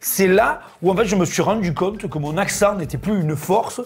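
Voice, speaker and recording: A man's voice: sits high, moderate pace. A young man with a Provençal accent from southern France, co-hosting a casual, enthusiastic chat. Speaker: co-host.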